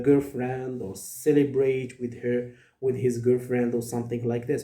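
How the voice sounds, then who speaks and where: Earnest hesitant man, dark voice, echoey room. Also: medium pitch. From Morocco. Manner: earnest, many hesitations and fillers. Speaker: vlogger. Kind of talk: direct-to-camera monologue.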